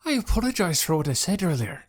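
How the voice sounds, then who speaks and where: Man doing a shrill, frightened city man. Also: big pitch swings, quick pace. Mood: anxious pleading. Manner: high-pitched, shrill and shouting. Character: panicky indignant young city man. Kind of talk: audiobook character voice.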